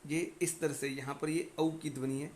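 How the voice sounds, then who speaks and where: High-voiced man teaching phonetics. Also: level tone, normal speed, a little mellow, a little hiss or hum. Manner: explains step by step, often checks with "ठीक है ना"; reads out example words one at a time. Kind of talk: phonetics lesson.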